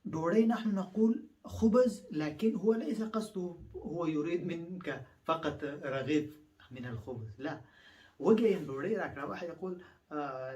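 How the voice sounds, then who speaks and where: Man teaching phrases from a distance. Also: a little high. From Afghanistan. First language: Pashto. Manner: repeats each phrase slowly, explains with frequent hesitant fillers. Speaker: language teacher. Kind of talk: phrase-by-phrase language lesson.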